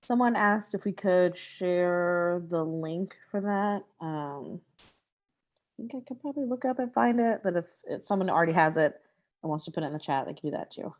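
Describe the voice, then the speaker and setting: A woman hosting a community meeting over a video call, relaxed and chatty, laughing easily. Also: fairly low pitch, normal speed. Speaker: meeting host. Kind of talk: casual chat.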